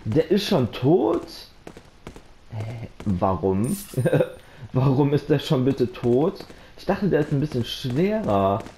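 A German let's play commentator gives casual commentary on a horror game, addressing both the characters and his viewers. His mid-range voice is animated and slow, and there's a little hiss or hum on the recording. He's jumpy and easily startled, yelping and shouting into a close desk microphone.

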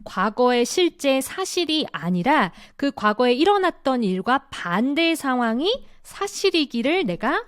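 A woman's voice: on the high side, dry recording. Patient woman teacher with a dry, close sound. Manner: patient, explains step by step and models English lines slowly. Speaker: English teacher. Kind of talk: online grammar and pronunciation lesson.

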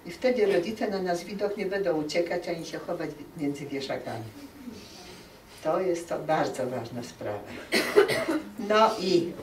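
Lively woman lecturing in a hall. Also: fairly low pitch, a little slow, far from the mic, noisy background. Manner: lively, acts out quoted parents and children. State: dry throat. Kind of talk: open lecture to teachers. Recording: echoey hall, recorded from afar.

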